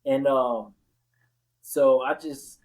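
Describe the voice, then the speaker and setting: A man's voice: mid-range voice, steady tone, very slow, a little mellow, rough recording. A man telling his own story in casual conversation as a podcast host, repeating words for emphasis.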